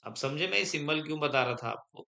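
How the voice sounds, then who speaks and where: A man's voice: on the high side, expressive, vocal fry, sharp tone. A man teaching a grammar lesson to a class, dictating notes, repeating each point and often stopping to check that students understand. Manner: slow, repetitive, keeps checking understanding.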